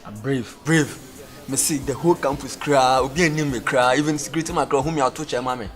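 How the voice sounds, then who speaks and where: Man playing a fast-talking, boastful Ghanaian student. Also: mid-range voice, lightly acted. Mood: eager, boastful. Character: boastful, eager young male student wanting into a campus gang. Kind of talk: dramatic film acting in Ghanaian Pidgin and Twi-mixed English. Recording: music behind film dialogue.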